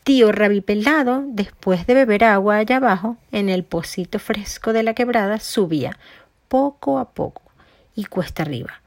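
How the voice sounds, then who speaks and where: A woman narrates an animal folk tale with a measured, expressive reading. Her voice sits at a middle pitch, and the recording is dry and close. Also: no echo. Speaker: storyteller.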